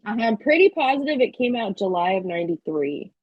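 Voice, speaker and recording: A woman's voice: mid-range voice, sing-song, fast, no echo, lo-fi sound. A woman in her thirties chatting as an interview guest, telling stories in a loose, talkative way with plenty of filler words. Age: 30s. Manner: chatty, storytelling, many "like" fillers. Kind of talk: casual interview chat.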